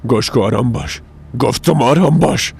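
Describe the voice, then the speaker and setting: A deep, gravelly father figure in a dubbed drama. He speaks low and commanding, with quiet control. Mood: firm soothing. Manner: calm commanding, turning urgent. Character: stern middle-aged father and interrogator.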